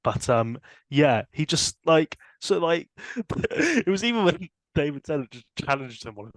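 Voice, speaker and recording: A young man co-hosting a casual podcast chat, animated and laughing often. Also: unhurried, dry recording. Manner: animated, laughs often, rising pitch when excited. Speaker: podcast co-host.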